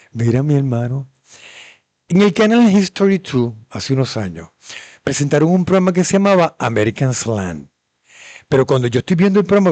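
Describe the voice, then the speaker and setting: A man's voice: mid-range voice, breathy edge, no room sound. Puerto rican guy hosting, chatty and emphatic, mid voice, dry close sound. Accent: Puerto Rican Spanish. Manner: animated and emphatic, repeats words for effect. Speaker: show host. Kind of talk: casual commentary to camera.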